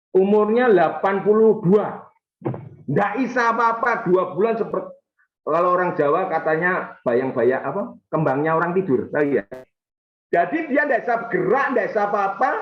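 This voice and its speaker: Animated male preacher in an echoey room. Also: muffled recording. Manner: animated preaching with sudden rises in pitch and volume. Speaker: pastor. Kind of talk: sermon.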